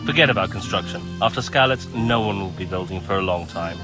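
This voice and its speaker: In a video game cutscene, a man plays an easygoing village carpenter who avoids work, delivering lines in a casual, matter-of-fact way. He has a deep, natural voice and talks fast over music.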